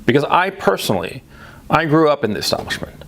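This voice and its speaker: A man's voice: on the high side, big pitch swings, quick pace, fairly bright tone. A man who grew up in Chile and the United States, giving a blunt, emphatic opinion monologue, often restarting and tagging his points with "right?". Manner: emphatic, blunt, repeats for stress; speech full of restarts and tag questions. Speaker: political commentator.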